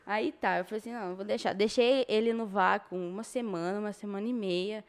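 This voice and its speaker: A woman's voice: mid-range voice, fairly quick, clear, resonant tone. A young adult woman with a Brazilian Portuguese accent, telling her story casually as an interview guest, in slangy speech that acts out past dialogue.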